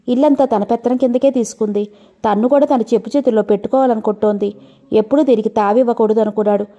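A woman's voice: on the high side, dark tone, dull audio. A woman narrating an old family novel as an audiobook, telling the story steadily and speaking every character in her own voice.

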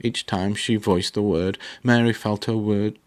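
A man narrating a novel aloud in a steady, dramatic reading with small slips. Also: lowish voice, a little slow. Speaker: book reader. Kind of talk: audiobook narration.

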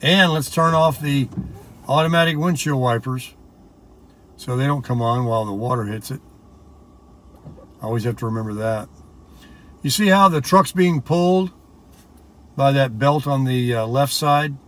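A mid-range, fairly bright male voice belongs to an American vlogger who pauses often and keeps a moderate pace while explaining things conversationally to the camera. He records in a car and outside in a parking lot, and the car and outdoor sounds are clearly audible.

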